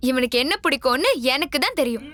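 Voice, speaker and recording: A woman playing the hero's doting but scolding mother in a dubbed TV drama, bossy in manner, with a very high voice over background music. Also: lively intonation, quick pace. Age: older.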